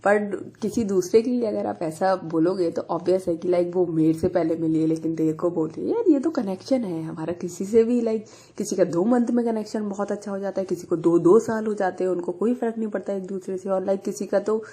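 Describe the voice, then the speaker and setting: A woman's voice: medium pitch, a little fast, warm tone. A young woman casually telling a love story, chatty and laughing often as she acts out what the characters say.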